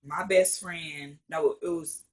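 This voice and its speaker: A man's voice: a little high, steady tone, takes it slowly. A teenage man from Arkansas, telling a rambling storytime with lots of "or whatever" and cursing. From Arkansas, USA. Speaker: vlogger. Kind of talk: casual storytime.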